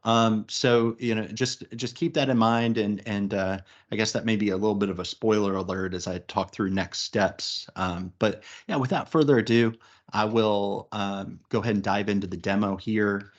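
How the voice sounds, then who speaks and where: A man presents a business webinar in a chatty, upbeat way, full of fillers and restarts. His voice sits a little low. The audio is muffled and lo-fi. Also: steady tone, moderate pace. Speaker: webinar presenter, recruiting practice lead.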